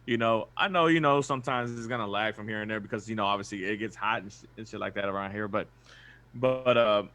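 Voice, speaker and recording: A man's voice: on the low side, quick pace, bright, forceful tone. A man co-hosting a fan podcast, talking in a laid-back way full of fillers. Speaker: podcast co-host. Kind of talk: casual chat.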